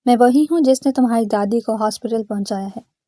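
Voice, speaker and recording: A woman's voice: fairly high pitch, mellow, no room sound, studio quality, natural voice. A woman reading as a taunting menacing caller. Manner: taunting, threatening. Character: menacing mysterious male caller.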